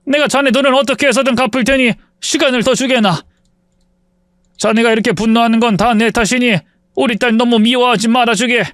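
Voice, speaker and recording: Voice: mid-range voice, fairly even intonation, fairly quick, fairly bright tone, no room sound, clean studio sound, pitched above the performer's own voice, lightly acted. A man reading the part of an elderly father who is frail and apologetic, speaking in humble, old-fashioned phrases.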